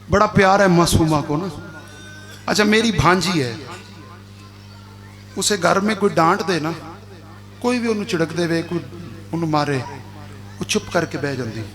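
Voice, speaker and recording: A man with a Punjabi accent reciting a majlis to a village mourning gathering, moving from soft narration to shouted, sung lament. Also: a little high, normal speed, pauses often. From Pakistan. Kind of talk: impassioned religious majlis oration.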